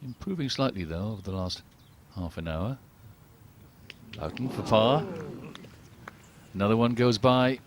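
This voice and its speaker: A man with a low voice calls live golf in a measured, understated manner. He talks conversationally as lead commentator, with faint noise and outdoor ambience behind him.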